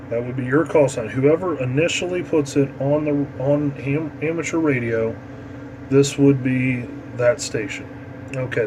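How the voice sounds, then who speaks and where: In a noisy recording with a steady hum, a man teaches amateur radio informally. His medium-pitched delivery is halting and casual as he breaks the material into steps.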